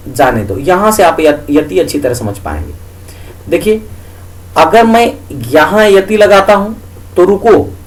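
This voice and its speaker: A man's voice: sits high, low-quality recording. A male teacher explaining a lesson for exam students, asking questions and answering them himself and repeating each key point.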